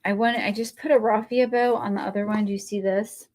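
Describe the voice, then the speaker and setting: Her medium-pitched voice is steady, brisk, and a little mellow. A Texan woman running a crafting livestream, she chats in a friendly, rambling way with her audience while working and replies to their comments.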